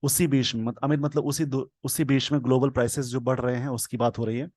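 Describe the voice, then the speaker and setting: A man's voice: medium pitch, little pitch movement, darkish tone. Man explaining English vocabulary. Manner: reads English slowly word by word, then explains quickly. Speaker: teacher. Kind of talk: explaining an English newspaper editorial.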